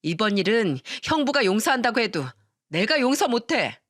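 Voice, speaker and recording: A woman's voice: on the high side, sing-song, normal speed, no room sound, studio quality. Woman doing a furious scolding younger sister. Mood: scornful. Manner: sharp, scolding, shouting accusations.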